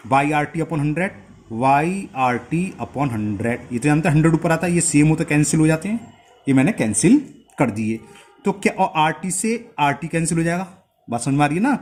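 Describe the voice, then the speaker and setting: A man teaching a maths lesson step by step, often pausing to check that students follow. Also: a little high, lively intonation, a little mellow. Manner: explains step by step, checks understanding with rhetorical questions.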